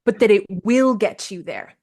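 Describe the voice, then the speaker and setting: A woman's voice: mid-range voice, a little slow, a little mellow. Upbeat woman coaching on a live call. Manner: upbeat, encouraging, laughs often. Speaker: business coach.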